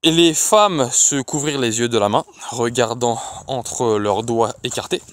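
A man reading a fantasy novel aloud as an audiobook, in a slow, expressive way. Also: mid-range voice. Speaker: audiobook reader.

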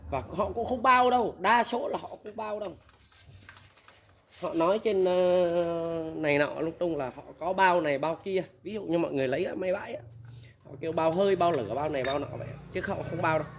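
A man's voice: a little high, slight background noise. Male, candid used-machinery dealer; blunt, casual advice talk. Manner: blunt, candid, laughs often, acts out quoted dialogue.

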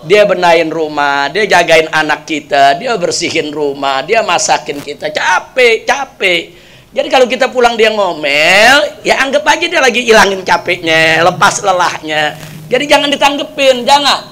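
A man voicing a wise male caliph who gives calm, slow advice. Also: sits high. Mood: gentle.

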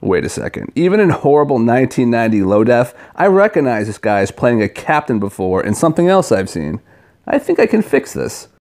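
A man's voice: medium pitch, sing-song, a little fast, hardly any pauses, darkish tone. A man narrates a comedic video review as a scathing critique. His delivery is sarcastic and foul-mouthed, tearing into his subject as host.

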